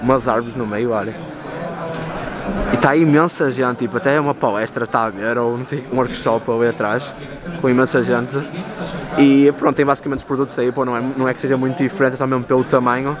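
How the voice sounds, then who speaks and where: A fast-talking young man in his twenties, medium-pitched with fairly even intonation and a European Portuguese accent, films a casual travel vlog on a handheld camera at arm's length. He rambles with fillers as he tours city streets, a stone cathedral and a big store, with crowd noise and city street noise behind.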